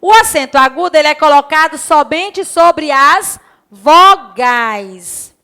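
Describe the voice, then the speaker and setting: Woman teacher, bright clear voice, answers her own pupil questions. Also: high voice, animated. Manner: slow, stretched-out reading of words and syllables; asks questions in the pupils' voice and answers them herself. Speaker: primary school teacher. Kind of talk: recorded lesson for young children.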